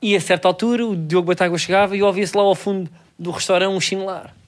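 A man's voice: sits high, fast. A man with a European Portuguese accent, co-hosting a comedy podcast and telling stories with lots of animation. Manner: animated storyteller, acts out quoted characters. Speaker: podcast co-host.

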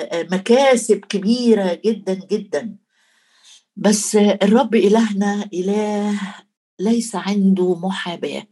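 A woman with an Egyptian Arabic accent delivers a Bible teaching sermon at a moderate, mid-range pitch. She talks conversationally and turns to her listeners directly. She recites verses in formal Arabic and stops now and then to find the right word. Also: warm tone. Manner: colloquial, addresses listeners directly; quotes scripture in formal Arabic. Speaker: preacher.

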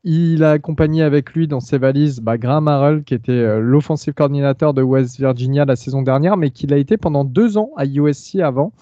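A man's voice: on the high side, brisk, few pauses, mellow, no echo, dull audio. A man hosting a casual podcast chat, talking with frequent fillers and restarts. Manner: hesitant, many fillers and restarts. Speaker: podcast host.

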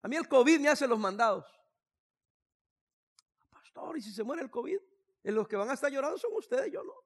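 A sixty-year-old man, a pastor, preaching a sermon with humorous stories, moving from quiet asides to shouted declarations. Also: very high-pitched, sing-song, fairly quick. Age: 60s.

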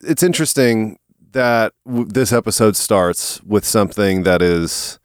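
A man's voice: on the low side, unhurried, smooth, no echo, clean studio sound. A man co-hosting a podcast in casual comedic banter, rambling along in a self-mocking way. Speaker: podcast co-host.

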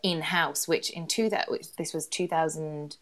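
Yorkshire woman in her thirties, low-voiced guest, chatty and self-deprecating. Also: steady tone, a little slow, a bit bright. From Yorkshire, England. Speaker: guest, employment lawyer. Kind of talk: casual interview chat.

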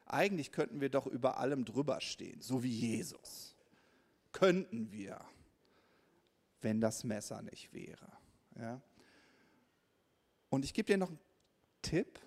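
A man preaching a lively, conversational sermon at a church service, often checking in with his listeners and acting out his own inner voice. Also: medium pitch, measured pace, vocal fry, long pauses, breathy edge. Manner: checks in with listeners by asking 'ja?'. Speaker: pastor.

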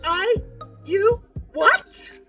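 A woman's voice: extremely high pitch, lively intonation, very slow, bright, forceful tone, recorded from a distance, soft background music, full character voice. A woman playing an exasperated, commanding, sardonic adventurer in an audio drama. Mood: alarmed.

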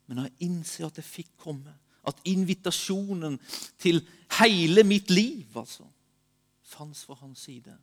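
A man giving a sermon with personal testimony, moving between urgent emphasis and hushed, slow passages. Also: fairly high pitch. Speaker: preacher.

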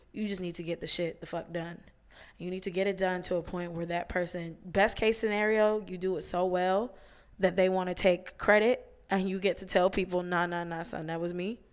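Brief: hoarse woman podcast co-host, raspy and blunt, low-ish smooth voice. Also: little pitch movement, normal speed. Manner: blunt, profane, slangy. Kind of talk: casual chat.

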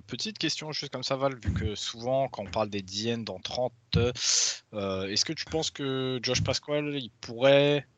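A man's voice: medium pitch, fairly bright tone, dry recording. A man hosting a casual sports analysis discussion, speaking in hesitant phrases peppered with English jargon. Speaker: sports podcast host. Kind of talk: casual American football draft analysis.

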